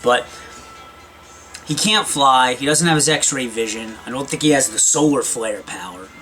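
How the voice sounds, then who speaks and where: A man's voice: medium pitch, moderate pace, bright, forceful tone, faint music behind. A man casually reviewing his weekly comic books on a video blog, rambling and chatty, dropping into muttered self-mocking asides, recorded on a built-in camera microphone indoors. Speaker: comic book vlogger.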